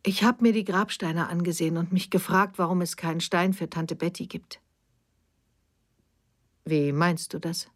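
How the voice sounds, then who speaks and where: Eine Frau spricht in einer Hörbuchlesung eine verzweifelte junge Mutter, die flehend fragt und laut wird. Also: female voice, fairly low pitch, fairly even intonation, moderate pace, pauses often, natural voice. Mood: puzzled. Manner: pleading, rising to shouting. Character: distraught adult daughter, a young mother.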